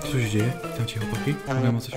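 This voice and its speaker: A man commentating his own video game play, excitable and jokey, often exclaiming and laughing while teasing other players. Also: mid-range voice, fast talker, music in the background. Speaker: gaming YouTuber. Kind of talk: Minecraft let's play commentary.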